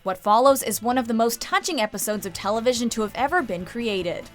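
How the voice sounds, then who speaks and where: Woman, scripted countdown narration, highish pitch, very lively intonation, faint music behind. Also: fairly quick.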